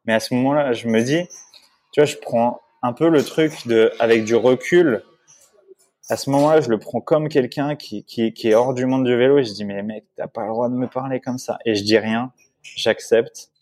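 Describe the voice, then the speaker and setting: A man's voice: mid-range voice, normal speed, darkish tone. A man speaking as an interview guest, telling a personal story casually, with many restarts, fillers and asides to the listener. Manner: rambling, many restarts and fillers, frequent "tu vois"; emotional, candid recounting.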